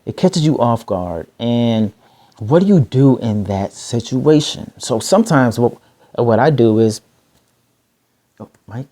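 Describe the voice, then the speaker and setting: Slow-speaking man with a dark voice. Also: medium pitch, expressive. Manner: slow, halting and repetitive, with fillers and self-corrections. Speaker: vlogger sharing stuttering tips. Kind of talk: casual talk to camera.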